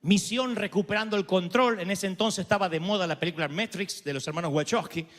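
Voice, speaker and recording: Animated Argentine preacher in a reverberant hall. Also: male voice, high voice, fairly quick. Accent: Argentine Spanish. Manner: animated and theatrical, acting out quotes and joking. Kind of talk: storytelling sermon.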